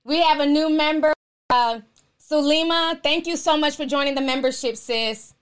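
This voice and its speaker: Woman, high voice, live stream host, sassy, blunt, slangy, casual, outspoken, responding to chat. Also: normal speed. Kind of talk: casual live chat, reading and answering viewer comments.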